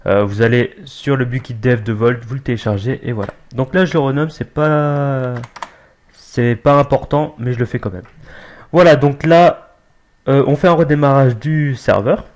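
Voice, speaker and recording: A young man giving a casual screen-recorded software tutorial, hesitant, with many fillers and restarts. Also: medium pitch, normal speed. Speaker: tutorial maker.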